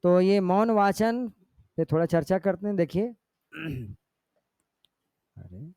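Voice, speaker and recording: Speaking slowly in a high, sing-song voice that is dark yet clear and resonant, a male teacher with a Jharkhand Hindi accent delivers a classroom lecture. He explains step by step and often checks on his students, and the clean studio recording has no echo.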